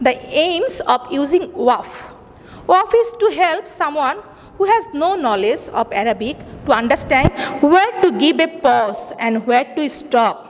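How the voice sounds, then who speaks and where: Female teacher, high voice, slow careful English, quizzes the class, reverberant room. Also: a little hiss or hum. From Bangladesh. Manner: explains in English then repeats in Bengali, asks questions and answers them; slow, deliberate English, faster Bengali. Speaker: school teacher. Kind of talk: classroom lesson. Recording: long hall reverb.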